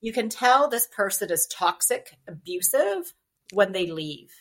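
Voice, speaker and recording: A woman's voice: medium pitch, sing-song, unhurried. A woman divorce coach on a podcast, explaining in an earnest way and often checking in with "right?". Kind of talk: podcast interview.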